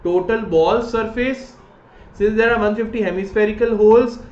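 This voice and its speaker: A man's voice: high voice, moderate pace, a little mellow. A man in his thirties with a North Indian accent teaching maths in an explanatory way, often checking understanding with short questions. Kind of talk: explanatory online lesson mixing English and Hindi. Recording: roomy echo, dull sound, faint noise.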